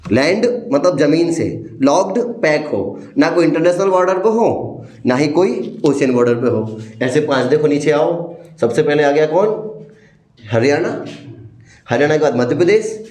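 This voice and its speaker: A man's voice: on the high side, animated, a little slow, darkish tone. Playful man teaching a demo lesson. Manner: playful, explains step by step, addresses listeners as "beta". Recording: echoey room.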